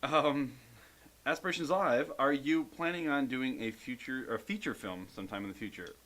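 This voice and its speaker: A man's voice: medium pitch, moderate pace, a bit bright. Casual man reading viewer questions. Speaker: podcast co-host. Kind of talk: casual Q&A chat.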